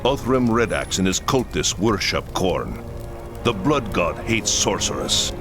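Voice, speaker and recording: In a fantasy game cutscene, a male actor plays a grave, proud, middle-aged Kislevite leader of a war-torn camp, speaking earnestly and solemnly and pleading at times. His low voice is very animated at a measured pace, over orchestral game music.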